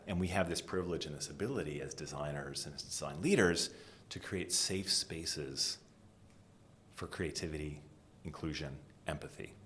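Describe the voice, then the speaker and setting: A middle-aged American man from New England, a design executive giving an animated interview and dropping to a whisper for emphasis. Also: very deep voice, moderate pace, slight background noise. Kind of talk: conversational interview.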